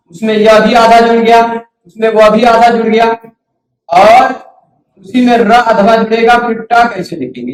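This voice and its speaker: Guy teaching grammar, slow and patient, keeps asking if u follow, kinda echoey. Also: high-pitched. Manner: patient, repeats syllables slowly, asks students questions. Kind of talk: explanatory lecture.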